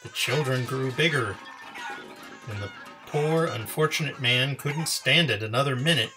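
A male pastor reading a children's story aloud in an expressive, lively way. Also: mid-range voice, moderate pace, over music.

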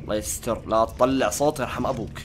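A man giving excitable, panicky let's-play commentary as a gaming channel host, talking back to the game's characters. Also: mid-range voice, fast, a little hiss or hum.

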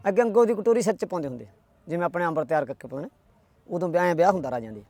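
Chatty storyteller, high voice. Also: male voice, expressive, rapid-fire, a little mellow, no room sound. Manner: rustic, chatty, with constant "he said, she said" tags. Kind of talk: folk tale storytelling.

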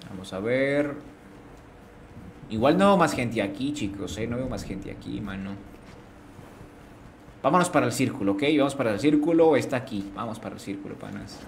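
A man's voice: mid-range voice, lively intonation, normal speed, vocal fry, pauses often, a little hiss or hum. A man streaming a game live, chatting casually. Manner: chatty, greets chat, slangy.

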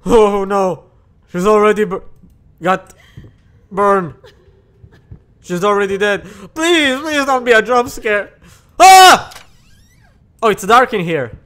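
A man hosting a horror game let's play on a desk mic with a pop filter, excitable, yelping and shouting at scares between jokey asides. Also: sits high, slow, pauses often. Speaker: gaming channel host.

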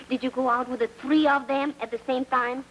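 A woman's voice: high voice, fairly even intonation, normal speed, a bit bright, slight background noise, rough recording. An actress playing a coy, curious young woman who asks playful, teasing questions. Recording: 1940s film soundtrack with music.

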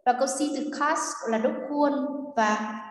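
A woman teacher with a Vietnamese accent goes through an English quiz, repeating key words slowly and checking in with her students. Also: high voice. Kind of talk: explaining a quiz lesson. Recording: echoey room, voice far from mic.

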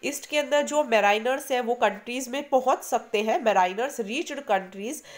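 A woman's voice: a little high, moderate pace. An Indian woman teaching a history lesson for exam preparation in mixed Hindi and English, explaining patiently and asking her students questions.

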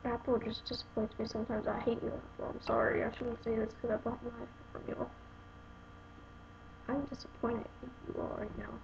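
A woman's voice: fairly high pitch, level tone, a little fast, creaky. A young woman in a casual unboxing review, talking to her viewers in a rambling, exasperated way. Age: young adult. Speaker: vlogger reviewing a phone case. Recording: dull lo-fi home video with noise.

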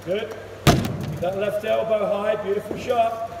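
A man coaching a young batter one-to-one in an indoor cricket net, giving brisk instructions and praise. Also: high voice, steady tone, vocal fry. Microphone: camera across the net, far off. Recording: echoey hall, voice from far off, loud noise.

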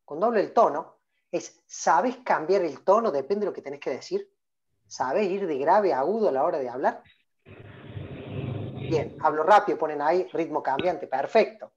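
A man's voice: a little high, expressive, moderate pace, darkish tone, dull audio. Rioplatense man coaching over video call. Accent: Rioplatense Spanish. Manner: engaging, calls on listeners by name, many questions. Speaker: public speaking trainer. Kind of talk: interactive online workshop talk.

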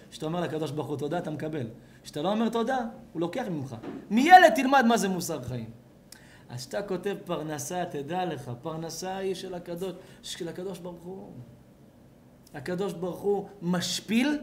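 A rabbi preaching at a home gathering, his high voice swooping up and down as he asks the listeners questions and acts out little scenes. He sometimes bursts into a shout. A faint room hum sits behind him. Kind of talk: lively sermon at a house blessing.

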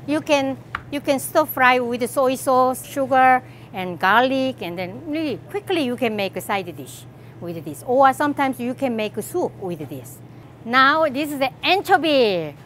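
Walking a big indoor grocery store, a middle-aged cooking channel host from Korea, speaking with a Korean accent, chats eagerly and laughs often as she presents products to the camera. Her high, expressive voice is a bit bright and a little slow, with a little hiss or hum.

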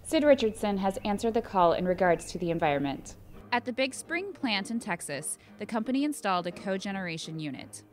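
A woman's voice: medium pitch, sing-song, brisk, faint music behind. A woman reading a scripted promotional narration as an infomercial narrator.

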